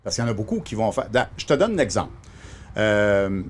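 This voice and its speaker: A man's voice: lowish voice, fairly quick. A man in his fifties with a Quebec French accent, a guest impressionist talking casually and hesitantly. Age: 50s. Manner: animated, hesitant, with many restarts. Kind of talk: casual conversation.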